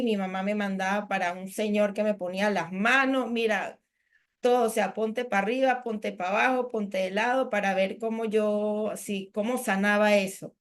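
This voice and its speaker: A woman's voice: mid-range voice, clean tone. Candid middle-aged woman storytelling. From Panama. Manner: candid, conversational storytelling with many "o sea" asides. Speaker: spiritual teacher giving a workshop. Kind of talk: personal testimony talk.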